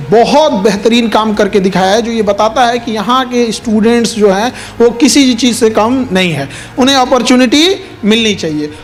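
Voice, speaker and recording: This motivational speech comes from a male teacher with a high voice who speaks earnestly to his students, repeating key ideas and slipping English phrases into his talk.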